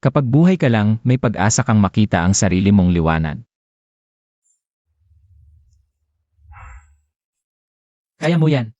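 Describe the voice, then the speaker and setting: A man plays a desperate grieving husband in a dubbed drama, his voice rising and falling with a wide, lively swing. The tone is dark and mellow, and the audio is dry and slightly dull. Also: on the low side, fast talker, dry recording, lightly acted. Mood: comforting. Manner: pleading, insistent. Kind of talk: dubbed short drama acting.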